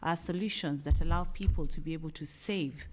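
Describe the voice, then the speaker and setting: Low-pitched woman with a Kenyan accent. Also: a little fast, a little mellow. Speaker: panelist, company executive. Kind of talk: panel talk.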